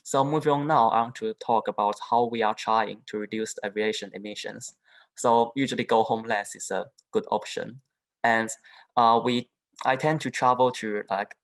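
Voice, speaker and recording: A young man from southern China, a native Chinese speaker, giving a halting panel talk as an international student, with frequent restarts and fillers. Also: on the low side, a bit bright, poor audio. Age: young adult. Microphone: video call.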